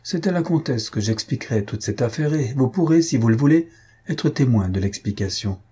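A calm, composed count read by a man answers in cool, formal phrases. The voice is husky and dark, with a little lift in pitch. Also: normal speed.

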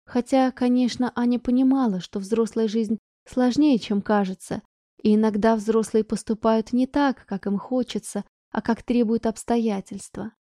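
A woman narrating an audiobook in a steady, even storytelling voice. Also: fairly high pitch, moderate pace, no echo, clean studio sound.

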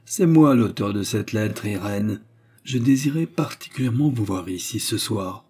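A cynical prince with a cold, ironic edge speaks in a storybook reading, played by a man. His voice is low and dark with a husky grain. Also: animated, moderate pace. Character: scheming prince and police chief, cold and cynical.

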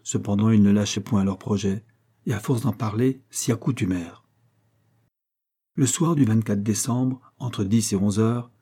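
A man narrating a classic novel as an audiobook, with measured, even reading. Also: lowish voice, husky.

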